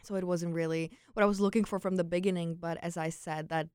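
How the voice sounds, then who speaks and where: A woman's voice: fairly low pitch, steady tone, fast talker, a little mellow, smooth, no echo, clean studio sound. A young woman from the Czech Republic with a Czech accent, telling personal stories casually and informally as an interview guest. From Czech Republic, grew up in Prague. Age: young adult. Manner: informal, peppered with "like" and quoted thoughts. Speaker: interview guest, former exchange student.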